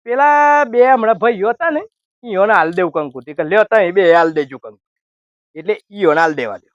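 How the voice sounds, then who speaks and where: A man's voice: sits high, expressive, brisk, no room sound. An older man in a village comedy sketch, wearily complaining about being lost while carrying an invitation card. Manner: weary, complaining, rustic dialect. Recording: dull lo-fi dry sound.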